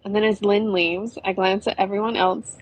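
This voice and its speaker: A woman's voice: medium pitch, steady tone, moderate pace, breathy edge, rough recording. A woman narrating an adventure story in a chatty, conversational way. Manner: chatty, with frequent "you know".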